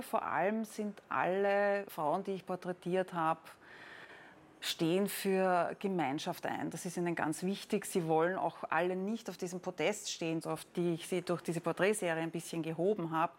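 A woman's voice: on the low side, moderate pace. A woman painter with an Austrian German accent speaking earnestly and reflectively in an interview. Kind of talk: interview answer.

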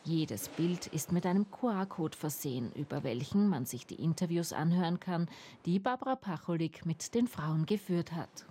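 A woman reading a radio feature report in an even, measured way. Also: on the low side, noisy background. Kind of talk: scripted feature narration.

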